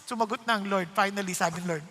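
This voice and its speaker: Middle-aged male preacher, high and bright, animated storyteller, long hall reverb. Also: quick pace, a little hiss or hum. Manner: animated, acts out dialogue, laughs often. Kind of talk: sermon with personal storytelling.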